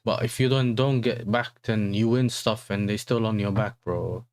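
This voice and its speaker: A man's voice: fairly low pitch, fairly even intonation, moderate pace, darkish tone, dry recording. A man with an urban London roadman accent, hosting a casual football livestream in slangy talk full of tag questions. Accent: London, urban street style.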